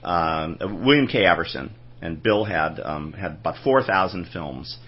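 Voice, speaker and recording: A man's voice: low-pitched, lively intonation, normal speed, dull audio. A man telling anecdotes in a casual interview, rambling and restarting his sentences. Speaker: film collector guest.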